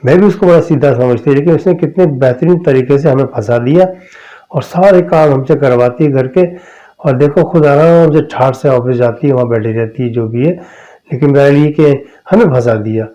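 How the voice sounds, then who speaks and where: A man reading out a resentful sister-in-law in a spoken tale. She complains insistently, in a mellow, warm tone. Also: medium pitch, lo-fi sound, natural voice. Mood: complaining.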